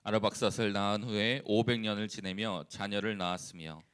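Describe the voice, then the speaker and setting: Male evangelist, low clear voice, calm unhurried reading and preaching, some hesitation. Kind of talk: responsive scripture reading and sermon.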